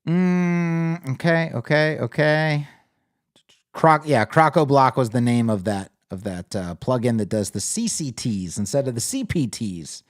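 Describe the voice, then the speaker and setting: A man's voice: medium pitch, animated, a little slow. A man hosting a live web design critique, talking bluntly and thinking aloud as he scrolls through sites. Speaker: web design show host. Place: home studio with lights on.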